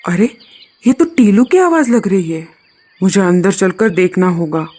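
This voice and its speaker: A man's voice: high-pitched, very animated, a little slow, a little mellow, heavily acted. A man voicing a kind male crow in a cartoon, speaking with urgency and care. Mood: concerned. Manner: urgent, caring. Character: kind male crow, helpful uncle to the chick.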